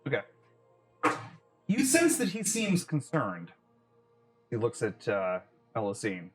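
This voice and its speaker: A man's voice: mid-range voice, wildly swooping pitch, slow, reverberant, faint music behind. A man narrating a tabletop game as game master, rambling with many fillers.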